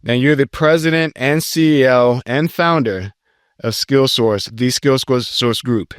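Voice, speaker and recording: A man from southern Virginia hosting a podcast interview, asking long, winding questions at a measured pace. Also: mid-range voice, smooth, no echo, clean studio sound. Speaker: podcast host. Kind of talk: conversational interview. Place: studio in Washington, DC.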